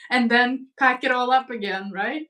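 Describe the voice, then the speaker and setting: Calm woman musing on healing over a video call, mic kinda distant. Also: a little high, a little slow. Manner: reflective, gentle, uses imagery. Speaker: guest. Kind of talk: spiritual conversation.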